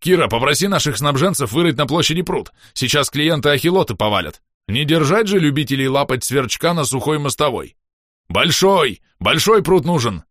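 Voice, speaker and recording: Guy doing a loud greedy half-orc, yelling and gleeful, pitched up, dry close sound. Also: wildly swooping pitch, normal speed, no echo. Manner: shouting, exclamatory, gleeful haggling.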